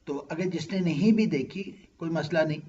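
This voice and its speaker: A man's voice: a little high, normal speed, mellow, dull audio, a little hiss or hum. A man, teaching Arabic grammar in an online class and patiently quizzing his students. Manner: patient, asks students questions and checks understanding.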